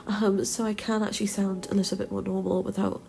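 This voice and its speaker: A woman's voice: medium pitch, little pitch movement, brisk, vocal fry, dark tone. A woman with a slightly blocked-nose sound, chatting casually and rambling through a video game build voiceover. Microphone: close voice-over mic or phone.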